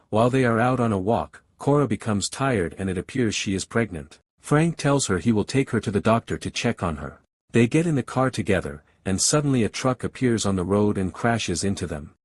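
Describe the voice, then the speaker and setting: Husky man, low voice, steady scripted narration, movie recap style. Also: normal speed, no room sound.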